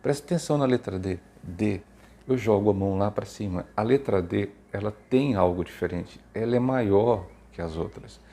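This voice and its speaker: A man's voice: lowish voice, normal speed, creaky, mellow. A Brazilian man speaking informally to parents and teachers, explaining literacy tips and sounding out letters with emphasis. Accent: Brazilian Portuguese.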